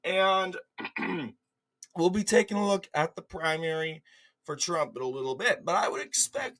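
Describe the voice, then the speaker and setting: A man with a fairly high, slightly bright voice speaks at normal speed while hosting casual political commentary over a screen recording. He has a cold, so he sounds congested and his voice cracks slightly, and he is mocking and dismissive, often restarting his words.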